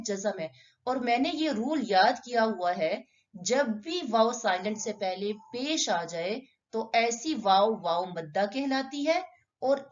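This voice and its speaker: A woman's voice: on the high side, lo-fi sound. Patient woman teaching Quran recitation. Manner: explains patiently, draws out sample syllables, asks and answers her own questions. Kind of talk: step-by-step recitation lesson.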